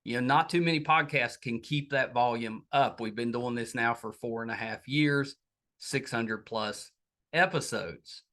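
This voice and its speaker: Speaking a little slowly in a sharp, mid-range voice, a middle-aged American podcast host earnestly thanks his listeners and makes an appeal to them in a casual, chatty way.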